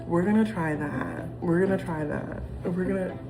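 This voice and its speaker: A young American woman with a lowish voice and vocal fry talks to camera at a moderate pace in a rambling, reflective vlog. She is casual, full of ums and restarts. Music plays behind her, along with background noise.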